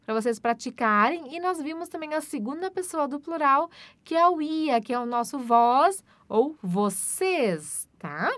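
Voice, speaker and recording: A woman from Brazil teaching German online, saying model sentences slowly and loudly, then explaining them in a chatty way. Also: high voice, animated, dry recording. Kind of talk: online language lesson.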